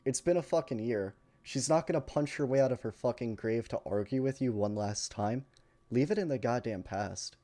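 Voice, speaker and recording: A man's voice: medium pitch, moderate pace, mellow. A man giving casual commentary, blunt and sarcastic, swearing freely. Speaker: commentary youtuber.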